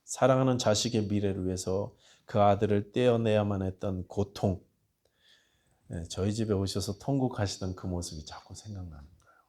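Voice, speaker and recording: Male pastor, low-pitched voice, storytelling sermon, hushed at tender moments, loud in appeals. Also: moderate pace.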